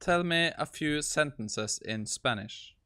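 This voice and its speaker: A man's voice: on the high side, lively intonation, slow, pushed and bright, clean tone. A man hosting a tech live stream, amused and exasperated as he tests a voice assistant. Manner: amused, exasperated, laughing asides. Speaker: tech livestream host. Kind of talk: casual live-stream testing.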